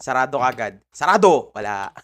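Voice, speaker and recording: A man's voice: high-pitched, animated, unhurried, a bit bright. A man from the Philippines live-streaming a horror game, chatting casually with viewers, laughing a lot and yelping when startled.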